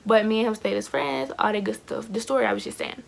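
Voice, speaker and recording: A woman's voice: mid-range voice, fairly even intonation, fast, creaky. A fifteen-year-old young woman telling a casual, gossipy storytime to her viewers in slangy talk with frequent asides. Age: teenager, fifteen. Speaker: YouTube storytime vlogger.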